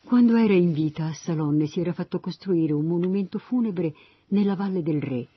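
A narrator reading a Bible story aloud in a steady storytelling manner. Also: mid-range voice, fairly quick, breathy edge, no echo, lo-fi sound.

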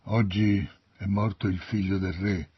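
A man reading a Bible story, voicing a stern army commander who speaks firmly and loudly. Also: deep voice, level tone, a little slow, slightly rough, dull audio, heavily acted. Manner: firm, raised forceful voice.

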